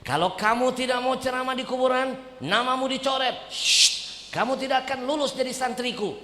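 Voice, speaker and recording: A man's voice: very high-pitched, moderate pace, bright, forceful tone, a little hiss or hum, pitched above the performer's own voice. A man voicing a stern older male religious teacher who barks orders in a commanding tone. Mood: stern threat. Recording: echoey hall, faint ambience.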